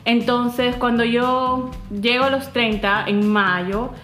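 A woman's voice: a little high, fairly even intonation, takes it slowly, a bit bright, reverberant, soft background music. A woman in her thirties from Peru, talking openly as an interview guest, with frequent fillers and restarts. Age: 30s. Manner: candid and open, with many fillers and restarts. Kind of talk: casual interview chat.

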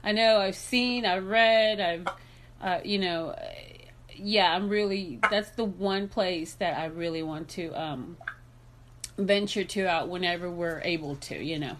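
A woman's voice: lowish voice, measured pace, slight background noise. A woman hosting a podcast over a video call, upbeat and bubbly, with lots of fillers as she talks. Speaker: podcast host. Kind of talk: casual interview chat.

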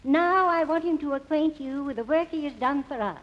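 Charity organizer on an old radio show. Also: female voice, high-pitched, fairly quick. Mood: formal. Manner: proper, insistent stage delivery. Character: earnest woman charity organizer. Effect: old radio show broadcast sound. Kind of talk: 1940s radio acting. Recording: dull lo-fi old radio recording, reverby, faint hiss.

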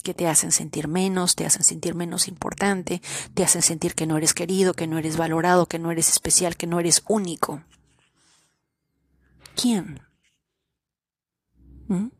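A woman with a low, breathy voice delivers a reflective spiritual monologue. She speaks slowly and deliberately and keeps pressing her listeners with rhetorical questions, sometimes sinking to a whisper. The sound is dry and close. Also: steady tone, no room sound. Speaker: podcast host.

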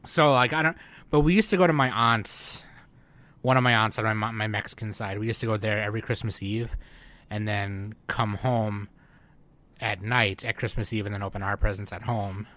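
This man's voice is fairly low and a bit bright, with fairly even intonation and a normal speaking speed. Co-hosting a podcast, he keeps things casual and rambling, full of fillers and restarts.

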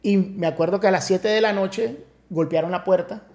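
Pastor recounting his conversion, warm low tone, stop-start storytelling. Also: moderate pace. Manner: storytelling with many restarts, acts out quoted voices. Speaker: pastor, podcast guest. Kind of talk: emotional personal testimony.

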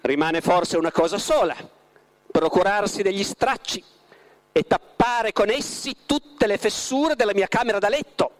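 A sly, mocking devil , put on by a man reading from a novel, lingers over every word with unhurried irony. The voice sits noticeably higher than the reader's natural speech. He sounds patient and knowing. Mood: sneering. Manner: slow, drawn-out, ironic delivery. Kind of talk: dramatic reading aloud.

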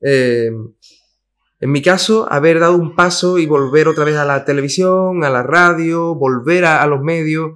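A man's voice: a little high, normal speed, a bit bright. A man from Cádiz, a singer-songwriter guest talking casually and emphatically in an interview, full of slang and mild swearing. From Cádiz, Spain.

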